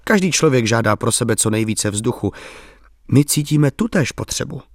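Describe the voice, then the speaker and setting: A man's voice: medium pitch, expressive, no echo, studio quality, close to an everyday voice. A man voicing a bitter, ironic, middle-aged village intellectual who speaks politely but with an edge. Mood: wry.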